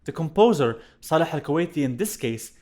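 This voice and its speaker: A young man born in Iraq, a violinist teaching a music lesson to camera in a clear, explanatory way, recorded on a studio microphone indoors. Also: a little high, expressive, brisk, darkish tone. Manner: clear, explanatory, chants rhythm syllables in time. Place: indoor studio room with plant. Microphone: studio condenser mic on stand.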